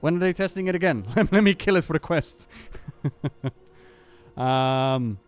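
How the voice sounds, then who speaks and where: Guy streaming a game, chatty, voice goes all over, thinking out loud, faint music behind. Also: a little high, lively intonation. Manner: halting, thinking aloud, repeating words. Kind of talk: casual live gaming commentary.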